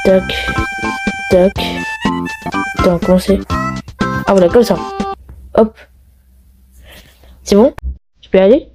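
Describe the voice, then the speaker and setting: A woman's voice: mid-range voice, slow, long pauses, over music. A woman casually chatting through a gameplay video, talking to her viewers with lots of fillers. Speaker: gaming video creator.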